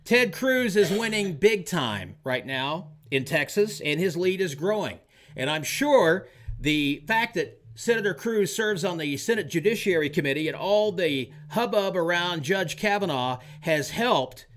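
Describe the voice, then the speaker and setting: Animated high-voiced man ranting. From Oklahoma, US. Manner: emphatic, repeats lines for punch. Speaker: show host. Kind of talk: opinionated political talk monologue.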